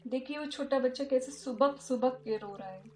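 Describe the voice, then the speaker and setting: Woman meditation teacher, soft and emotive guide, fairly high voice, faint noise behind. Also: normal speed. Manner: soft, emotive, often drops to a hush.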